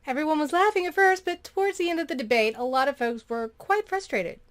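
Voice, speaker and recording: A woman's voice: sits high, a little fast. A woman, hosting a show where she reads funny stories aloud and adds wry, chatty comments. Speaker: podcast host reading stories.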